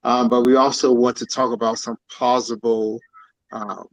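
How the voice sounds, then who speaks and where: A man's voice: medium pitch, little pitch movement, moderate pace, dry recording, low-quality recording. Male panel host on a phone, dry and close, loose and rambling. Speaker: podcast host. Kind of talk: hosting a live-stream panel. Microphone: cell phone.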